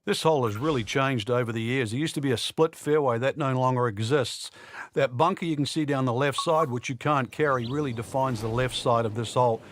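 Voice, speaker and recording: A man's voice: medium pitch, brisk, slight background noise, natural voice. A man playing a folksy, knowing golf commentator, explaining things conversationally for a video game broadcast. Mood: conversational, wry.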